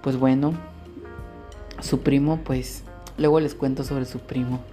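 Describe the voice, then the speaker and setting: A man's voice: mid-range voice, little pitch movement, a little slow, mellow, soft background music. A man co-hosting a podcast, reading a listener's story aloud in a frank, chatty and playful way. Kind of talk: casual chat and reading aloud.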